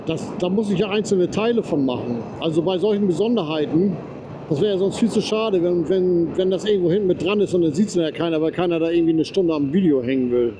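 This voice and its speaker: A man talks his way through a mountain ride on his motorbike, chatty and easily excited as he comments for his viewers. His voice is mellow and slightly raised, picked up by a helmet mic. A faint hum of engine and wind sits under his voice. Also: high voice, fast talker. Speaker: motorcycle vlogger. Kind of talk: casual running commentary while riding. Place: on a motorcycle outdoors on a mountain road.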